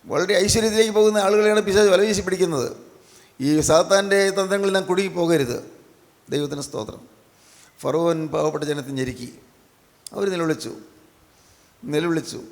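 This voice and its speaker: A man's voice: high-pitched, fairly quick, pauses often. A man preaching a sermon with emphasis, repeating his key phrases for effect. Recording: long hall reverb.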